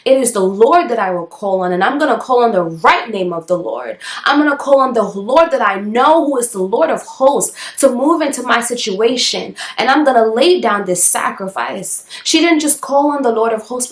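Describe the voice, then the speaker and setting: A woman preaching with emphatic, repeated declarations, her voice sitting somewhat high. The sound is echoey, as if in a bare room. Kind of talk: devotional preaching.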